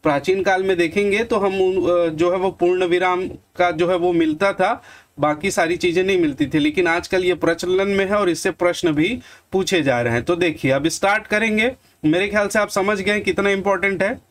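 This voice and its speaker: A man with a Chhattisgarhi accent and a high-pitched voice teaches an online exam-prep lesson at a normal speed. He addresses viewers as friends, works through examples, and answers his own questions.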